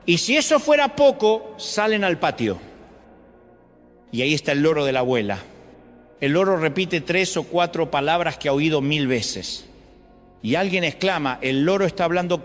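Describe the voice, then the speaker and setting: A man with an Argentine accent, a pastor delivering an animated sermon to his congregation. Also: moderate pace, pauses often. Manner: animated preaching with sweeping pitch jumps. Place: large church auditorium. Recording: long hall reverb with faint music. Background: faint music.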